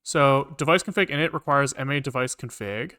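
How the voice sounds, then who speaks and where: Fairly quick and forceful, a man speaks in a bright, clean, medium-pitched voice, recorded at studio quality with no room sound. He streams live programming, musing aloud, muttering, repeating lines and cursing occasionally. Typing and clicking can be heard behind him.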